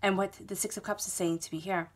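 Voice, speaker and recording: With a head cold, a woman gives her monthly tarot reading to camera from an indoor table where the cards lie spread out. Her medium-pitched voice is flat and quick-paced, and her manner is soothing and reassuring, punctuated by frequent "okay?"s.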